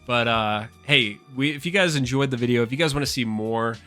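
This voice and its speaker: Brief: male gaming YouTuber, bright forceful tone, casual and excitable, faint music underneath. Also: medium pitch, fairly quick. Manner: excitable, swears, addresses viewers as guys. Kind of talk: casual commentary video.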